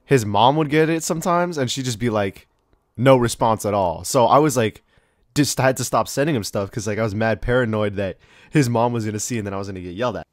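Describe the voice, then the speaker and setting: A young man chats through a countdown of awkward moments in loose slang, full of "like" and "bro". His voice sits at a middling pitch. The room sounds dry, with the mic close up. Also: quick pace, no echo. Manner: slangy, rambling, with many fillers and mock-quoted voices. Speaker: video host. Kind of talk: casual countdown commentary.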